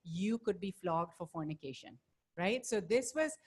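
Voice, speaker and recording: A woman's voice: fairly low pitch, expressive, normal speed, husky. Earnest woman panelist from Pakistan. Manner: earnest, storytelling. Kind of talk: panel talk. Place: event space with audience. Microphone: handheld mic.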